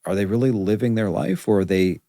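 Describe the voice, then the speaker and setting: A man who is a guest on a podcast, speaking casually and giving reflective, measured opinions. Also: lowish voice, mellow, no room sound, clean studio sound. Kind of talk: casual conversation.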